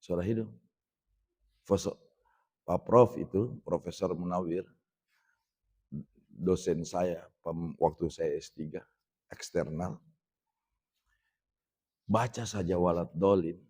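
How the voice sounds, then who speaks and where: A middle-aged man from Indonesia giving a religious lecture in a mosque, talking conversationally to the men present and reciting Arabic phrases slowly. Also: low voice, dark tone, slightly rough.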